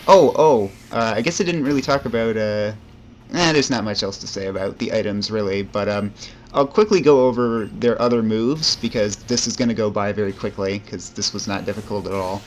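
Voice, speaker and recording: A man's voice: on the low side, brisk, slight background noise. A young man giving casual, rambling commentary over a video game, with frequent fillers and self-deprecating asides. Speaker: let's play commentator.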